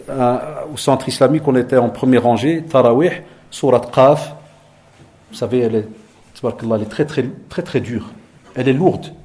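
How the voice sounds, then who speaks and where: A middle-aged man preaching and teaching, telling stories lively and acting out dialogue in a hushed voice. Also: medium pitch. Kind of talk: sermon with storytelling.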